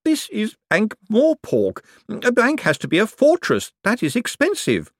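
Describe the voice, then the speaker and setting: A man voices a pompous middle-aged chief clerk, icy and disdainful, who hums "mm" before he answers. The voice sits noticeably higher than the narrator's own and swings in pitch. It sounds close and dry. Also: huge pitch swings, a little slow, no echo, full character voice. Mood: uneasy. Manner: disdainful, hesitant "mm" before replies.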